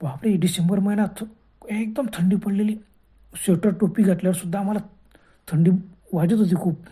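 Woman telling a spooky night-road story in a soft dark tone, easygoing and chatty, restarts mid-phrase a lot. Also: mid-range voice, steady tone, slightly rough. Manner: colloquial, unhurried retelling with restarts. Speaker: horror storyteller. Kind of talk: first-person ghost story narration.

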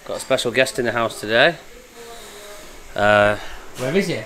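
A man's voice: mid-range voice, expressive, normal speed, pushed and bright, a little hiss or hum, rough recording. A man hosting a casual vlog from his scrapyard, teasing his workmates and laughing often. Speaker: scrapyard owner vlogger. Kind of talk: casual jokey vlog chat. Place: car breakers' yard workshop.

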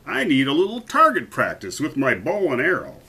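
Man playing a haughty, whiny little boy duke, higher-pitched. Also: wildly swooping pitch, a little fast, sharp tone, slight background noise, full character voice. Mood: sneering. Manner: haughty, sneering, petulant.

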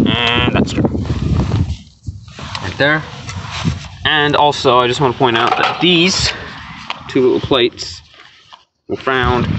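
A young man in a casual repair vlog, swearing freely and making sarcastic, rambling asides while he works on a car door. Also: medium pitch. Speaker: vlogger. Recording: dull lo-fi with loud background noise.

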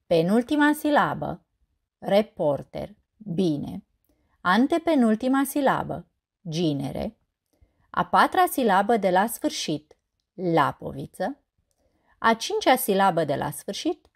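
A woman teacher narrating a scripted lesson, saying example words slowly and carefully. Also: fairly low pitch, big pitch swings, gravelly.

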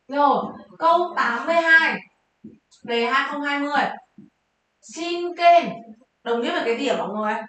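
Lively high-voiced woman teaching vocabulary. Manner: lively, quizzing viewers with questions. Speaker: Japanese teacher. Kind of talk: vocabulary exam lesson. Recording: very echoey room.

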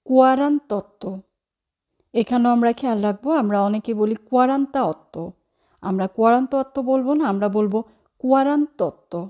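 A woman teaching a language lesson, slowly repeating each number twice and correcting common mispronunciations. Her first language is Bengali. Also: fairly high pitch, warm tone. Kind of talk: slow, repetitive pronunciation lesson.

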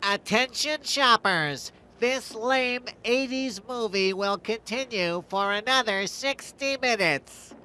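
A woman putting on the voice of a mall announcer, making a slow, drawn-out mock PA announcement. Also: on the high side, bright, forceful tone, slight background noise, pitched below the performer's own voice. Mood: mock-official.

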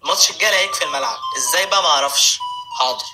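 A man with an Egyptian accent tears through a comic sketch at breakneck speed, trading quick jokes as he switches between several characters. His voice sits a touch high for a man, and clear music plays behind him. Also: low-quality recording. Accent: Egyptian Arabic. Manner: rapid joking banter, switching between characters. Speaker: comedy sketch performer.

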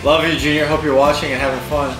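A man's voice: fairly high pitch, flat delivery, fast. A young man chatting and bantering casually with friends. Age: young adult. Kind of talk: casual group chat and banter. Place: living room, indoors. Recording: echoey room, music behind.

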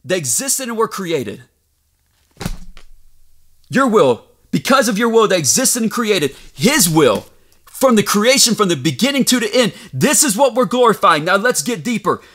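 A man preaching a fervent sermon, reading scripture aloud and rising to shouts as he rebukes his listeners. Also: sits high, big pitch swings, moderate pace.

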